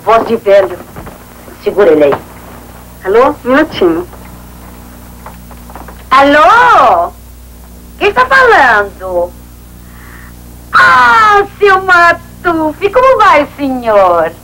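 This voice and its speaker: A self-possessed madam from an old Brazilian film, coy and theatrical. Her high voice is unhurried and has a Brazilian accent, on a faintly noisy vintage soundtrack. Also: bright, forceful tone, full character voice. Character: self-possessed woman running an exclusive brothel. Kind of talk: 1950s film acting.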